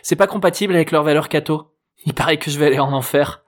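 A man's voice: on the high side, voice pushed up, lightly acted. A man reading an audiobook voices a foul-mouthed fifteen-year-old girl with cheeky, slangy talk. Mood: excited, defiant. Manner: slangy, cheeky, quick to swear. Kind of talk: audiobook character voice.

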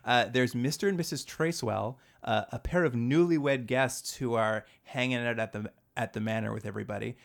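A man hosting a relaxed podcast, talking through a film's characters at an everyday pitch. He laughs easily as he goes and slips into quick mock lines for the people on screen. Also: creaky. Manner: laughs often, mimics characters in quotes. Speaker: podcast host. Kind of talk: casual chat about a movie.

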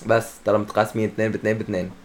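A man's voice: on the low side, flat delivery, very fast. A man with a Syrian Arabic accent chats informally among friends. He tells his anecdotes in a loose, conversational way.

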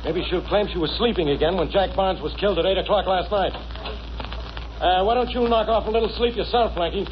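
An actor playing a brusque, sarcastic and slow-witted police inspector in an old radio drama. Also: male voice, sits high, close to an everyday voice. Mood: gruff, sarcastic. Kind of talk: 1950s radio drama acting. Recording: dull, hissy old radio recording.

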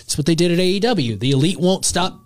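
A man's voice: on the high side, expressive, quick pace, no room sound. A man on a wrestling panel chatting casually and argumentatively, making his case with rhetorical questions. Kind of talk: opinionated casual sports chat.

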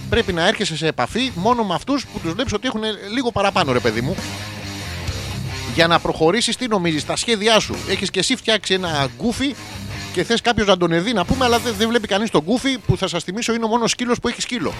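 A man's voice: high voice, expressive, over music. A man hosting a radio show, reading horoscopes as a crude, rambling comic monologue full of wordplay.

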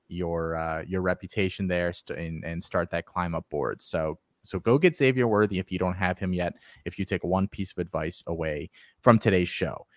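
A man with a lowish voice hosts a casual sports podcast and talks through his picks with confidence. His voice is recorded close and dry, with no room sound. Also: no room sound. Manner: confident, gives firm picks and advice. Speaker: podcast host. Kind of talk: casual sports analysis chat.

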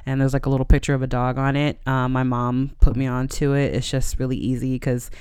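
Casual podcast host, conversational delivery, middle-pitched, exceptionally smooth and clear tone. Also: little pitch movement, brisk, a little mellow, no echo, studio quality. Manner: conversational, laughs easily while talking. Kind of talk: casual chatty solo podcast.

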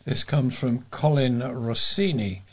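A man with a mid-range, darkish voice volunteers on a local news recording, reading readers' letters aloud. His delivery is measured, with the occasional stumble.

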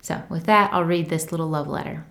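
A woman speaks alone as a podcast host, in a voice pitched a little below average. Her delivery is casual and introspective, tender and sincere. She pauses to think as she goes. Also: fairly bright tone. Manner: tender, earnest, thoughtful with pauses. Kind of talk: reflective casual solo talk, with a short letter read aloud. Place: small unfinished home creative studio.

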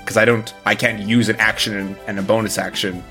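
A man's voice: on the low side, flat delivery, a little fast, pushed and bright, soft background music. A man playing a tabletop game, joking around and asking rules questions. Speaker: player. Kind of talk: casual tabletop game play.

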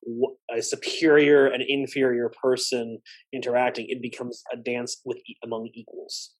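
A husky-voiced man speaks as a guest on a podcast. He talks earnestly and reflectively, often starting sentences over as he works through his thoughts. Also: mid-range voice, level tone, normal speed, rough recording. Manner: earnest, reflective, many restarts. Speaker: chiropractor guest. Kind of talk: podcast conversation.

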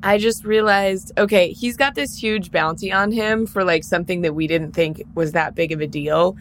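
A woman's voice: on the low side, moderate pace, a little hiss or hum. A woman playing a tabletop game, thinking out plans aloud. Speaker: player. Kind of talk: casual tabletop play.

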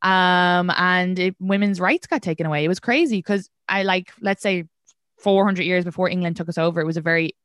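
A woman's voice: fairly low pitch, fairly quick, dry recording, studio quality. A young Irish woman, a stand-up comedian, chatting casually and telling stories with energy. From Ireland. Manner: chatty, animated storytelling with laughs. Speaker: stand-up comedian, podcast guest. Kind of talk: casual conversational chat.

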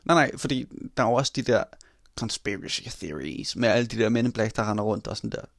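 A man in casual chat telling a personal story in an animated way, swearing casually. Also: fairly low pitch, creaky, dry recording, clean studio sound.

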